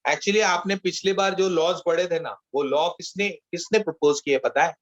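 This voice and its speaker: Man, physics teacher, online class, mixes Hindi and English, repeats key terms, fairly high voice, muffled audio. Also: normal speed.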